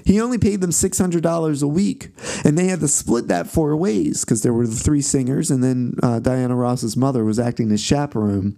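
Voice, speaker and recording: A man's voice: mid-range voice, moderate pace, creaky, warm tone. A man giving a casual music history lecture, talking loosely with fillers, restarts and frequent tag questions. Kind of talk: classroom lecture.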